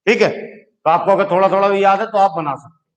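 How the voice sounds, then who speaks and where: In this poorly recorded classroom lecture, a man with a high, steady voice teaches chemistry a little fast. He works through it step by step with patience, often stopping for a "ठीक है" check with his students.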